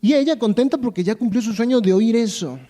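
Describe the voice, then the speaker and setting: High-voiced mellow male preacher. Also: fast talker. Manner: repeats phrases for emphasis, addresses listeners directly; storytelling with many fillers and restarts. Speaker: pastor. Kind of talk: conversational sermon. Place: church.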